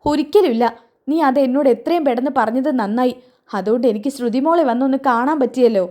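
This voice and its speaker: A woman voicing a kind old grandmother who fusses and scolds in a high, lively voice. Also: fast talker, lightly acted. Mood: fond, scolding.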